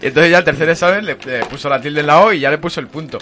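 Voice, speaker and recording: Bright-voiced podcast host, laughing. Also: male voice, fairly high pitch, rapid-fire, a little hiss or hum. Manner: laughs often, storytelling with fillers. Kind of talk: casual chat.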